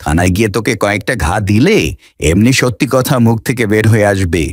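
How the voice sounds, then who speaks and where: A man's voice: on the low side, animated, a little fast, no echo, studio quality, natural voice. A man voicing a stern, commanding police officer in a cartoon.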